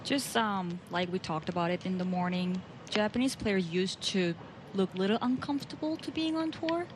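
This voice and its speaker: A woman's voice: medium pitch, moderate pace. A woman giving casual golf commentary and analysis during a live tournament broadcast. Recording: clear outdoor background noise.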